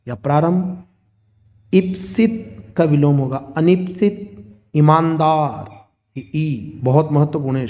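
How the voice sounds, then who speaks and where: A man's voice: a little high, phone-quality sound. A man teaching a grammar lesson, steadily listing words and their opposites. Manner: steady, listing word pairs one after another.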